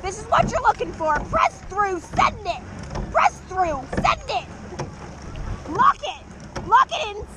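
Loud wind, water and rowing clicks surround a young woman coxswain in a boat. She shouts short, repetitive commands at a very high pitch. Her calls are urgent and motivational, with drawn-out, measured spacing. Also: big pitch swings. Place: outdoors in a boat on open water.

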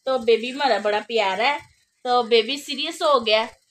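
A woman's voice: fairly high pitch, normal speed, fairly bright tone. A young woman chatting casually in a home vlog, doting and often laughing, recorded on a phone camera indoors. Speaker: vlogger.

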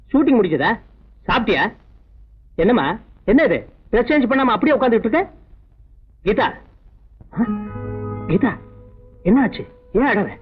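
An actor playing a doting elder brother and film producer who talks fondly and persuasively. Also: male voice, sits high, husky, heavily acted. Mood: worried. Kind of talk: 1980s Tamil film dialogue. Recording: dull old film soundtrack with faint music.

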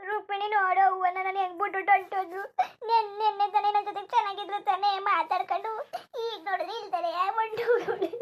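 A woman's voice: extremely high pitch, highs cut off. A woman voicing a daughter in a cartoon who cries and pleads over her dead mother. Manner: tearful, pleading, rushed.

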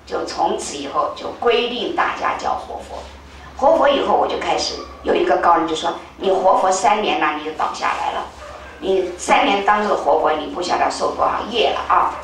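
An older woman telling a religious testimony as a spiritual leader, animated, acting out voices with sudden high leaps. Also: a little fast. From Taiwan. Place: temple hall. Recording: very echoey hall, distant mic, faint hiss.

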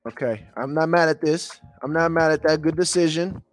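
A podcast host with a slightly high voice and moderate pace breaks down football film casually for his live stream viewers, thinking aloud and repeating himself. Soft music plays in the background.

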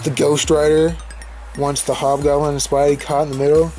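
Soft music plays as a young man, a podcast host, films old comic books on his bed and opens them, chatting and cursing casually into a handheld camera. His voice is fairly high, level, and warm, and he talks fairly quickly.

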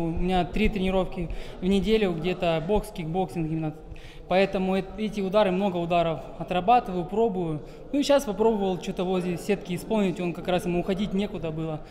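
A man in his twenties giving modest, halting interview answers as a fighter. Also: high voice, steady tone, mellow. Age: 20s. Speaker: MMA fighter being interviewed. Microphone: interviewer's handheld microphone. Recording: reverberant hall, crowd noise behind.

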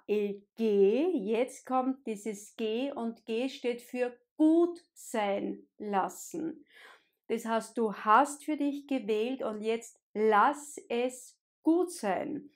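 Female podcast coach, talks the listener through each step, voice sits a bit high. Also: very slow. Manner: explains step by step, speaks directly to the listener. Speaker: podcast host and life coach. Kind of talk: solo coaching podcast talk.

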